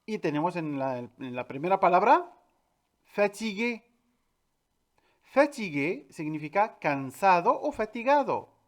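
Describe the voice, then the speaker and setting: Man, language teacher, lesson, animated pitch, patient, repeats words slowly. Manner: addresses viewers directly, with filler "eh". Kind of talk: French pronunciation lesson.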